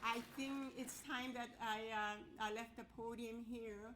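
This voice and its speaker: Older cree lady with first nations accent, kinda high voice, slow halting speech at a podium, some room noise. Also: fairly even intonation. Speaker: elder and speaker. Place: indoor banquet hall at podium. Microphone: podium microphone. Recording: background noise in event room.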